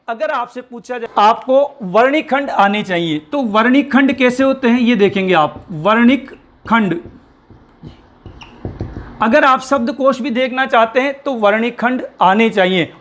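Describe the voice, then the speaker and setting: A man's voice: extremely high pitch, normal speed, fairly bright tone. A man teaching a Hindi grammar lesson in a patient classroom manner, often asking questions and then answering them himself. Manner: patient, repeats reminders to pay attention. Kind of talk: classroom lecture.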